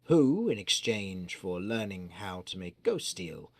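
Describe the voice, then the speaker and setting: A man running a tabletop game as storyteller, narrating theatrically and sometimes dropping to hushed tones. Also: sits low, sing-song, measured pace. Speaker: game master.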